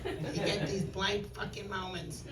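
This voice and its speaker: On a club stage, a New York comedian in her sixties delivers brash, self-mocking jokes in a medium-pitched, steady voice that runs a little slow. Background noise and roomy, far-off club sound surround her.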